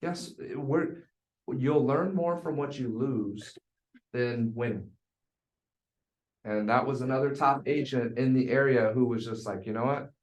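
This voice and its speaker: A man with a medium-pitched voice and measured pace gives a group coaching talk as a real estate sales coach. He speaks bluntly and emphatically, repeating phrases, and the recording sounds echoey.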